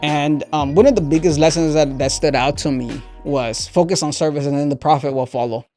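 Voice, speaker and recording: A man in his twenties, a podcast host and entrepreneur, gives a motivational talk sharing lessons directly with listeners, earnest and conversational, often checking in with "right?". His slightly high voice is brisk and warm, with faint music behind.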